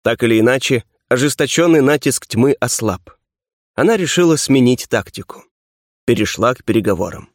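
A man narrating a fantasy audiobook in first person, measured, with dramatic pauses between words. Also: mid-range voice, animated, dry recording, studio quality.

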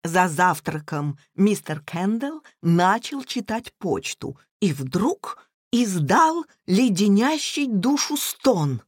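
A woman reads an audiobook with unhurried, expressive storytelling. Her pitch moves in a lively way while her pace stays slow. The recording is close and dry, with no room sound. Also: no echo. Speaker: narrator. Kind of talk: audiobook reading.

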